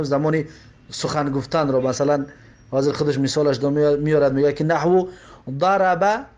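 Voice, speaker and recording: A man gives a grammar lesson in a high-pitched voice. He drills the same examples over and over, posing questions and answering them himself in a steady teaching manner. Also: highs cut off. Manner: repeats examples, asks and answers own questions.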